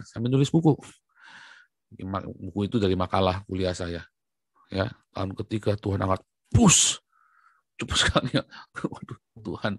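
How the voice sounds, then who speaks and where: A man preaching a sermon in an emphatic, conversational way, swinging between loud exhortation and hushed tones. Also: fairly low pitch, gravelly, no echo, studio quality. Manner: conversational, uses casual slang.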